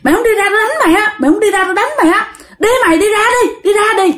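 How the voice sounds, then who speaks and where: A woman's voice: very high voice, rapid-fire, a bit bright, pitched above the performer's own voice. A woman voicing an old male ghost who angrily scolds and threatens another spirit. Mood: scolding.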